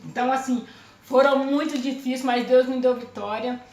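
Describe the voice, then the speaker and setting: A woman's voice: sits high, steady tone, normal speed, darkish tone, echoey room, a little hiss or hum. A woman from Brazil giving an earnest, emotional religious testimony at home, repeating her phrases, filmed on a phone camera. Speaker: testifying believer.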